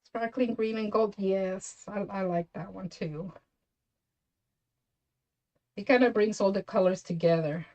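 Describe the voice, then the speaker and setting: A woman's voice: mid-range voice, measured pace, long pauses, darkish tone, highs cut off. A woman hosting a craft tutorial, chatting casually with viewers by name and laughing often. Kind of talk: casual livestream crafting chat.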